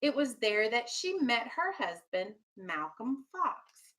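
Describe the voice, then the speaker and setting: A woman who teaches elementary school reads aloud to little kids in a very animated but slow style, her voice a little high and fairly bright. She explains simply, checks comprehension with questions and firmly keeps everyone on track.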